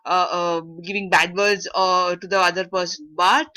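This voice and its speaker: A woman leading an online class, often pausing with fillers as she searches for words, heard over a video call. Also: fairly low pitch, little pitch movement, sharp tone. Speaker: workshop facilitator. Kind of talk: interactive online class talk.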